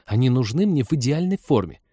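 A man voicing an eager, bug-obsessed young woman zoologist who gushes with excitement. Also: medium pitch, fairly quick, husky, dry recording, clean studio sound, pitched above the performer's own voice. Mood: enthusiastic. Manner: excited, gushing.

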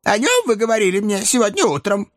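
A man voicing an indignant old lady in a story reading, with a shrill accusing tone. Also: big pitch swings, fairly quick, no echo, clean studio sound.

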